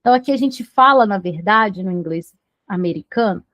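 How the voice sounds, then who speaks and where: A woman's voice: medium pitch, expressive, brisk, fairly bright tone, no echo. A Brazilian woman teaching English to beginners, patiently explaining pronunciation and checking in with the learner after every point. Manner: patient, repeats checks like "tá bom?".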